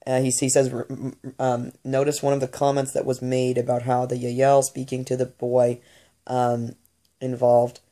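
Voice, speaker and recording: Halting woman with a mellow, dark tone. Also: extremely low pitch, completely flat delivery. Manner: halting, with many fillers and restarts; muses aloud, working through ideas as she speaks. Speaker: channeler recounting spirit messages. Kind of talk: unscripted spoken monologue.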